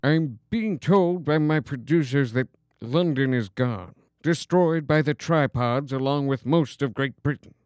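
A man voices a smug TV anchor in a spoof broadcast, delivering rude remarks in a flat deadpan. His voice sits mid-range and sounds dry and close. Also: mid-range voice, dry recording, close to an everyday voice. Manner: deadpan, snarky. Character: smug blunt male TV news anchor. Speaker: news anchor. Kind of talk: comedy news spoof.

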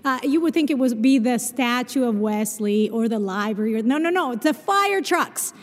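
A woman preaches in a large chapel. Her voice sits high, and the long reverb of the hall trails after each phrase. She has a Spanish and Portuguese accent and tells stories with self-deprecating humor. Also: animated, moderate pace. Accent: Spanish and Portuguese mix. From Argentina. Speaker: chapel speaker. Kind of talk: sermon. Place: large chapel, live service.

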